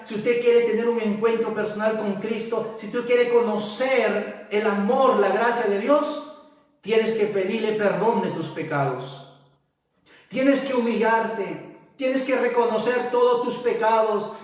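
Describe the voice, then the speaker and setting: A man with a very high voice, preaching and praying in a repetitive, exhorting cadence. The recording is heavily echoey, with his voice well back from the mic. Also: recorded from a distance. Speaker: pastor. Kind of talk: sermon and closing prayer.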